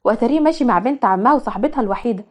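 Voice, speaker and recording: A chatty young woman, voiced by an Egyptian woman gushes in a high, fast voice, in a storybook drama. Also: expressive. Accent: Egyptian Arabic. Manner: gushing, chatty.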